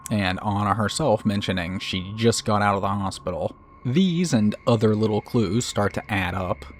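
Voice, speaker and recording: Over background music, a man with a fairly low voice narrates a video review as its host, with slight background noise on the recording. His delivery is scripted yet conversational, sprinkled with informal, chatty asides.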